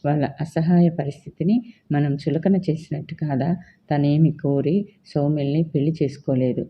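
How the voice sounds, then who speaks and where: A storyteller voicing a stern middle-aged mother who scolds her son with sharp questions. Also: medium pitch, steady tone, moderate pace, muffled recording, a little hiss or hum, natural voice. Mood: pleading. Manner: demanding, reproachful questions.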